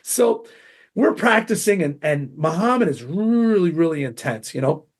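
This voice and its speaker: Man, middle-aged, martial arts grandmaster, interview guest, animated storyteller, husky voice, fairly high pitch. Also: normal speed. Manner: excitable, acts out quotes with big pitch jumps.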